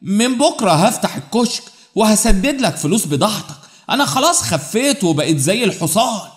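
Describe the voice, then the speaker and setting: A man's voice: high voice, very animated, fairly quick, voice pushed up. A man with an Egyptian accent voicing a proud older male kiosk owner, speaking in a hearty, boastful way. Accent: Egyptian Arabic.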